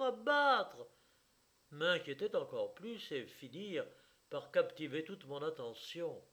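A man narrating an audiobook in a measured, expressive storytelling manner. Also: fairly high pitch.

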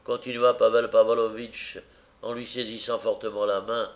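A man reading a novel aloud as narrator, in a measured, even storytelling manner. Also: lowish voice.

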